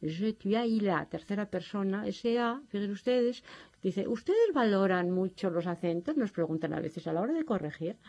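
Gravelly-voiced woman teaching French. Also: medium pitch, animated, normal speed, darkish tone, highs cut off. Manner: didactic, patient, addresses students formally. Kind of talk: lecture to distance learners.

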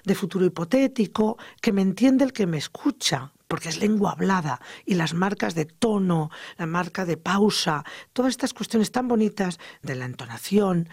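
A grammar teacher giving an educational radio lesson, explaining lively and acting out example sentences. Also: medium pitch, husky, no echo, clean studio sound.

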